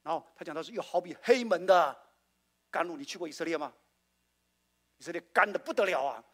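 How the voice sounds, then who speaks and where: A male pastor preaching a sermon, asking his congregation questions and swinging between loud exclamations and quiet asides. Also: a little high, lively intonation, fairly quick. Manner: call-and-response preaching, asks the congregation questions.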